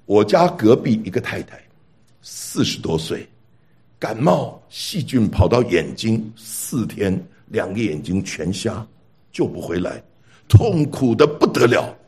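A man preaching a sermon through a personal story, with an animated delivery, rhetorical questions and stammered restarts. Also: on the low side, a little slow, slightly rough.

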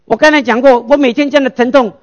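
A man's voice: very high voice, fairly even intonation, fast, lo-fi sound. A male pastor preaching a sermon, asking rhetorical questions and answering them himself.

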